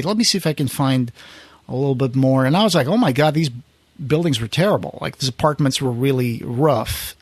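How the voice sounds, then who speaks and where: A podcast host with a medium-pitched voice, captured in a dry recording, casually recounts film history. He tells it conversationally like a story, quoting people along the way.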